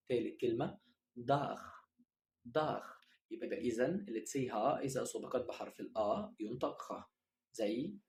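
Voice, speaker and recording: Egyptian male teacher, mid pitch, coaching pronunciation with patient word-by-word repetition. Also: a little mellow. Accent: Egyptian Arabic. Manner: drills words slowly, repeating each one for the viewer. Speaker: German teacher. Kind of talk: pronunciation lesson.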